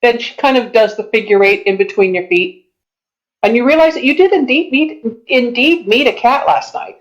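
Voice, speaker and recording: A woman with a high voice runs a tabletop game, describing scenes as she makes them up. Her delivery is halting and descriptive, and the audio is a little dull. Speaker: game master. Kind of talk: improvised tabletop game narration.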